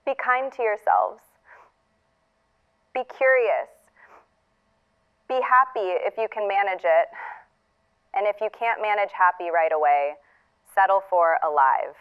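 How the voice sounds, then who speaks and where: Sounding tender and proud, an actress with a clean, medium-pitched voice portrays a wry, tender middle-aged woman leaving one last goodbye. It's a recorded farewell message in audio fiction, delivered reflectively and haltingly through a narrow, thin, phone-like playback filter.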